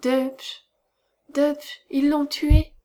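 A grief-crazed mother cries out in a thin, plaintive voice, as a woman narrator puts her on. The pitch climbs high and the words tremble with madness. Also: fairly even intonation, slow pace, a little mellow. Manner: plaintive, unhinged.

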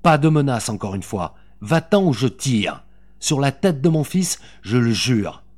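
A man's voice: lowish voice, expressive, moderate pace, darkish tone, breathy edge. A man reading an audiobook, voicing a fierce, protective mother with commanding force.

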